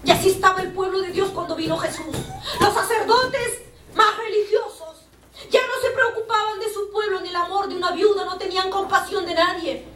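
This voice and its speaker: A woman's voice: very high voice, normal speed, fairly bright tone, slight background noise. A woman preacher giving an impassioned sermon, often calling out to her listeners as brothers. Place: church hall. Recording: echoey church from far off, faint ambience.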